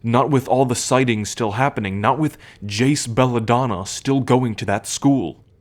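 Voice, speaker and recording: Earnest and confiding, a young man performs as a troubled male werewolf with a protective streak for an ASMR roleplay. The delivery is measured and halting, medium in pitch and lightly acted.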